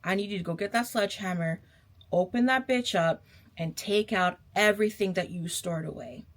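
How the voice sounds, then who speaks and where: A woman's voice: mid-range voice, moderate pace. A young woman talks straight to her viewers in a casual motivational pep talk, her voice in a middle range. She is sassy and emphatic, hammering points home by repeating them and tossing in a pet name like babe. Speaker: vlogger giving a pep talk.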